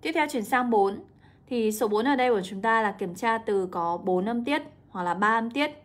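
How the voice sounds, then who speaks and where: A young woman, an English teacher walking students through an exam, drawing out example words slowly. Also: fairly high pitch. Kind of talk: exam walkthrough lesson.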